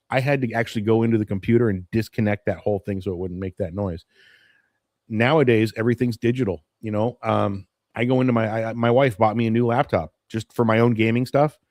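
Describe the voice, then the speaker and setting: Fast and darkish in tone, this fairly low-pitched man's voice is recorded dry in studio quality. In his late forties, he runs a morning stream, loosely chatting with viewers, reminiscing about change and wandering from the point.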